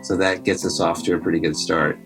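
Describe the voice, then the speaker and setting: Male podcast host, relaxed conversational storyteller, slightly low voice, soft music bed. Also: fairly quick, poor audio. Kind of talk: casual storytelling commentary.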